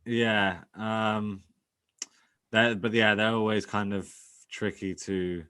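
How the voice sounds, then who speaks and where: A man chatting casually as a podcast host. His voice sits on the low side but has a bright, forceful edge. He talks in halting bursts, full of fillers and restarts. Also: flat delivery, clear, resonant tone. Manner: hesitant, many fillers and restarts.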